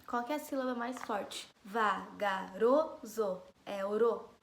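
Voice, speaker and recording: A woman's voice: fairly high pitch, normal speed, roomy sound, slight background noise. A woman teacher giving a recorded class lesson in a chatty, explanatory way, stressing syllables one by one and talking straight to her students. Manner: chatty, addresses students directly. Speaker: school teacher.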